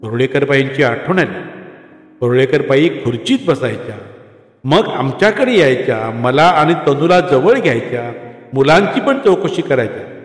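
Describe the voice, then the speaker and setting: A man's voice: mid-range voice, big pitch swings, normal speed. A man reading a scripted story aloud in the first person as a schoolgirl. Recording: echoey room with long reverb.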